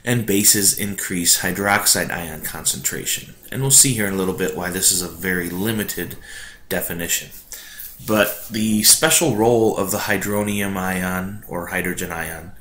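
A man's voice: sits low, fairly bright tone. A man teaching a recorded chemistry lesson in an informal, explanatory way, his voice echoing as if in a cave. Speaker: high school chemistry teacher. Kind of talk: recorded lesson narration, review lecture. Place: echoey room at home. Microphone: not his usual microphone, built-in or distant. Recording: echoey cave-like room, faint hiss, no proper microphone.

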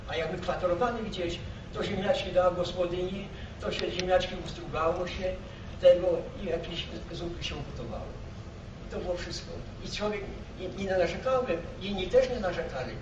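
An elderly man from Poland, a war veteran, recalling his past in a halting, rambling way, repeating himself and breaking off words. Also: high voice. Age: elderly, 80s or older. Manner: old man's halting, repetitive storytelling with broken-off words. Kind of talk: rambling spoken reminiscence. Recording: roomy, muffled, noisy, distant microphone.

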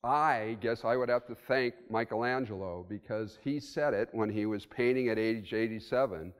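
His smooth voice sits on the low side and moves at normal speed. The sixty-something man gives a conversational keynote into a podium mic, thinking aloud with fillers before an audience in a hotel conference room, where the hall's reverb lingers long.

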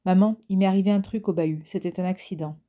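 Woman reading as a bitter teen boy, urgent and sharp-tongued, low mellow voice. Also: fairly even intonation, fast talker, lightly acted. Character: angry teenage boy, a schoolboy. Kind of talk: audiobook character reading.

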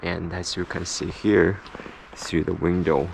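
Deep-voiced man vlogging among ruins. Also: level tone, measured pace, creaky, slight background noise, low-quality recording. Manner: chatty, explaining on the move. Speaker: travel vlogger. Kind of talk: travel vlog narration.

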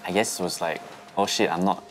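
A young man and band musician reflecting in a relaxed, casual documentary interview. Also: deep voice, brisk. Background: music bed.

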